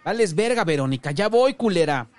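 A man voicing a foul-mouthed, short-tempered crippled male dealer, harsh and full of shouted curses. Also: mid-range voice, lively intonation, fast talker, lightly acted. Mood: yelling furious. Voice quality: harsh, cursing, shouting bursts.

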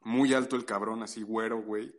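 A man's voice: fairly low pitch, brisk. A young man with a Mexican accent, telling a story in casual podcast chat with lots of swearing. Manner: swears a lot, animated storytelling. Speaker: podcast host.

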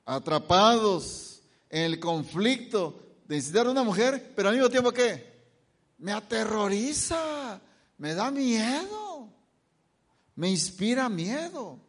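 A man's voice: high-pitched, big pitch swings, slow pace, husky. A middle-aged man with a Mexican Spanish accent giving a health talk in a church, asking his listeners questions and answering them himself. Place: church hall.

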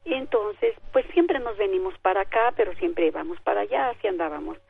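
Older Mexican woman caller, husky voice, emotional and rambling, tinny phone line. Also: mid-range voice, animated, fairly quick, no echo. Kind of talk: call-in radio conversation. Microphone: telephone.

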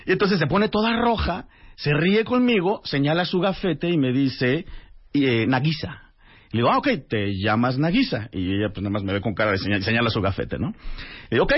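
A man with a Mexican accent, a radio guest, telling a story in a lively way and acting out the voices of the people in it. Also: medium pitch, fairly quick, breathy edge. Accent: Mexican Spanish. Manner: lively, acts out quoted dialogue. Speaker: guest, translator and author. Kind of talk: animated storytelling. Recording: muffled radio broadcast sound.

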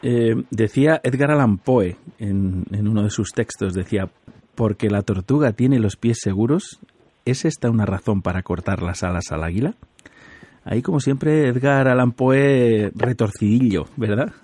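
Guy hosting radio, mellow and a bit husky, chatty explainer, laughs often. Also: lowish voice, moderate pace. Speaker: radio host. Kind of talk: casual radio chat.

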